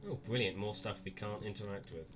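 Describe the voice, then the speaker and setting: A man's voice: lowish voice, fairly quick, over music. A scared, nervous man giving live horror game commentary with dry sarcasm and frequent swearing.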